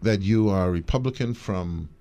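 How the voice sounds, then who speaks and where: A man's voice: low-pitched, moderate pace, warm tone. A man with a Bahamian accent co-hosting a casual comic talk show, with a playful, laughing manner. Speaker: co-host.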